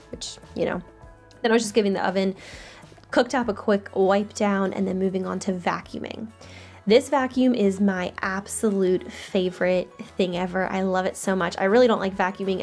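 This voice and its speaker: A woman's voice: on the low side, vocal fry. A young woman, chatting casually as a lifestyle vlogger, upbeat and full of fillers. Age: young adult. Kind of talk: casual voice-over narration. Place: bedroom at home, indoors. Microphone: handheld camera at arm's length.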